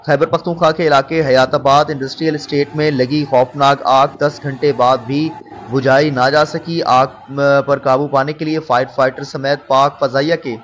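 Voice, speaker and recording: A man's voice: mid-range voice, steady tone, moderate pace, slight background noise. A man from Pakistan reading a news report as a voice-over, in formal wording with many hesitations and restarts.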